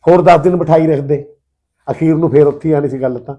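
An actor plays a household head in a family drama, placating and mediating. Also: male voice, fairly high pitch, fast, mellow, highs cut off, close to an everyday voice. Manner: placating, talks in a persuasive, mediating way. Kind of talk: Punjabi family drama acting.

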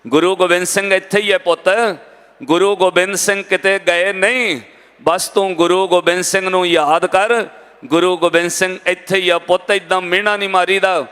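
Give me a man playing a tender old woman comforting a young man, in a clear, smooth voice. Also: sits high, fairly even intonation, moderate pace, fairly bright tone, big-room sound. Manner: tender, soothing, calls him son. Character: kindly old Sikh woman comforting a patient.

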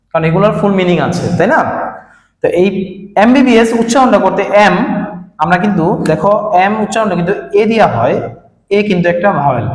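A man teaching an English grammar lesson, explaining step by step and asking his students questions. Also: sits high. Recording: echoey room with long reverb.

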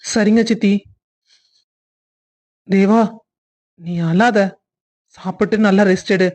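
A caring young cartoon brother, voiced by a woman, gentle and reassuring in a mid-range voice. He comforts his sister calmly. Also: medium pitch, slow pace. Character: kind young man, caring older brother. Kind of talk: cartoon story voice acting.

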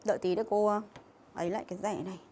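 A woman's voice: mid-range voice, little pitch movement, racing, mellow, a little hiss or hum. A young woman from Vietnam teaching an English exam-review lesson on a livestream, chatting and reading out viewers' names and comments.

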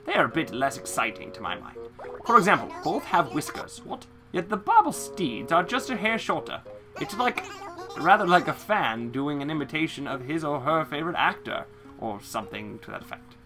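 A woman's voice: sits low, very animated, normal speed. A woman voicing a fussy male owl museum curator, reading stiff game text aloud and stumbling over the words. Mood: lecturing. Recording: game music playing behind.

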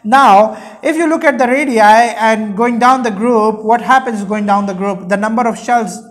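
A man's voice: high voice, normal speed, fairly bright tone. A young man gives an explanatory classroom lecture. He teaches by posing questions and answering them himself, adding short check-in tags as he goes. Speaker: chemistry teacher. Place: indoor room at a whiteboard.

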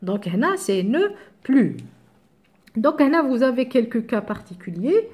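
A woman's voice: on the high side, big pitch swings, normal speed, a little mellow. A woman with an Algerian accent teaching French grammar to middle-school students, explaining step by step with examples and switching into Arabic to clarify.

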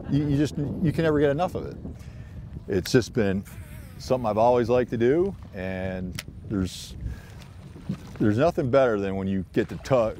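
A low-voiced man talks about bass fishing in a loose, rambling way full of fillers. He is out on an open boat with a lapel mic, and loud wind and water noise sits under his voice. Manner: rambling, many fillers and restarts. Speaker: bass angler. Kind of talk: casual explanation on camera. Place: on a fishing boat on a lake outdoors. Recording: windy outdoor boat noise.

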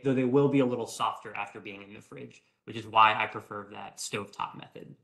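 A man's voice: mid-range voice, a bit bright. Chatty young man demoing a recipe. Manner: friendly, chatty, answers viewer questions. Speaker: cooking demonstrator. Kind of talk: live cooking demonstration. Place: small home kitchen, indoors. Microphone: fixed camera at medium distance.

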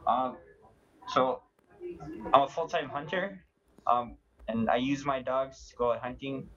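A young man giving casual, halting answers in an interview. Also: medium pitch, pushed and bright. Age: young adult. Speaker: interview guest, hunter. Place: large busy indoor meeting hall. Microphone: video call. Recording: muffled video call sound.

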